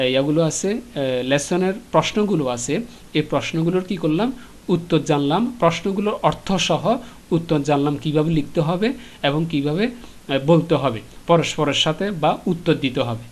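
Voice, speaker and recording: Patient male teacher with many pauses. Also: on the high side. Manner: patient, repeats questions to students, many filler "ah" pauses. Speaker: English teacher. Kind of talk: classroom lesson explanation.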